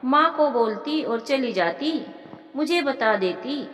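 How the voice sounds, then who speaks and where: A woman voicing a troubled, secretive young new bride in a storybook narration, speaking softly and guardedly. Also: high voice, animated, slow, full character voice. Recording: roomy with long reverb.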